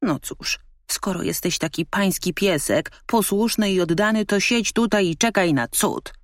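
A woman voicing a sly, cheeky little raccoon in a storybook reading, speaking in a high, teasing, sarcastic voice. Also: very animated, measured pace, no room sound, clean studio sound. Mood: mocking.

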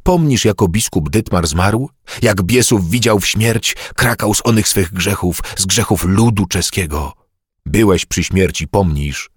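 A man's voice: sits low, unhurried, breathy edge, dry recording, clean studio sound. A man voicing a hot-tempered medieval monk who preaches and condemns with passion. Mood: fervent.

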